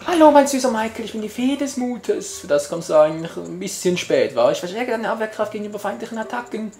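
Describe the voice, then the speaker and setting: A man voicing a sweet, teasing female great fairy in a high, mocking falsetto. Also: expressive, fast talker, a little mellow, echoey room, soft background music.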